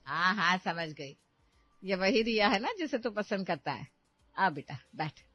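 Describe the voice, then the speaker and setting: A woman's voice: mid-range voice, lively intonation, a little slow, a bit bright, soft background music. A woman voicing a traditional middle-aged mother-in-law who lectures firmly. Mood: lecturing. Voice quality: firm, lecturing. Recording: dry, slightly dull recording.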